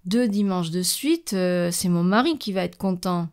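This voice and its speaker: A woman's voice: fairly low pitch, measured pace. A woman playing a practical working mother who reluctantly agrees to a favor, in a scripted French lesson dialogue. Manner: reluctant, firm. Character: practical working mother, firm but kind.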